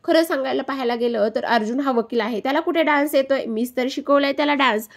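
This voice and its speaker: A woman's voice: sits high, quick pace, voice pushed up. A woman voicing a boastful, breezy young woman.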